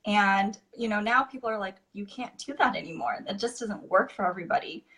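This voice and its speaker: A woman's voice: medium pitch, a little fast, fairly bright tone. A woman in her twenties from California, a guest chatting easily in an interview, often saying "you know" and "like". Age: 20s. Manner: easygoing, frequent "you know" and "like". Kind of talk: casual interview chat.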